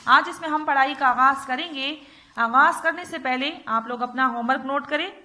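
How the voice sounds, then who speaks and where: A woman's voice: high voice, bright, forceful tone. A woman teacher with an Urdu-speaking Pakistani accent, giving a recorded class lesson to young children and patiently drilling letter sounds. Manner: patient, repeats "theek hai" often, drills letters slowly.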